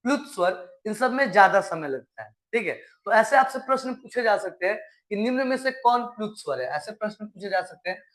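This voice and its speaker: Man, online class teacher, high voice, draws out vowel sounds, answers his own questions. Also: lively intonation, fairly bright tone. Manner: coaxing, asks questions then answers them; drawn-out recited vowel sounds. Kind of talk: live online class lesson.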